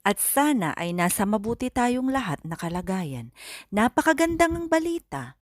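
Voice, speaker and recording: A Filipina woman hosting an update vlog, narrating with upbeat, news-style delivery and bright exclamations. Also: on the high side, big pitch swings, moderate pace, dry recording, studio quality. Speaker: channel host giving updates.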